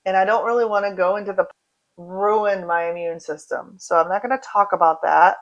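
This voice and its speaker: A woman's voice: mid-range voice, steady tone, a little fast, muffled recording. A woman in her forties hosting a casual livestream, reading out viewer comments and chatting in a rambling way, drifting off into asides. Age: 40s.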